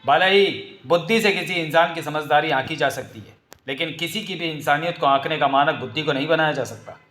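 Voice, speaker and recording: A principled young man speaks up earnestly against cruelty , played by a man. His voice sits slightly high and carries a roomy echo. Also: brisk, a bit bright, lightly acted. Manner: earnest, moralizing.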